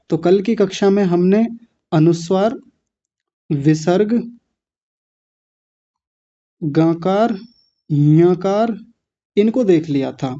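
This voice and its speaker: A male teacher with a high but very dark, mellow voice guides an online class at a slow, deliberate pace. He breaks long words into pieces and repeats them patiently, correcting learners. The sound is a little dull and muffled. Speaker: Sanskrit pronunciation teacher.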